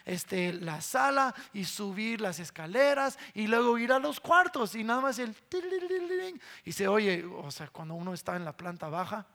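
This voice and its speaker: A man's voice: sits high, big pitch swings, normal speed, few pauses, bright, forceful tone. A man in his thirties preaching a sermon, telling a conversational story with repeated words and playful sound imitations.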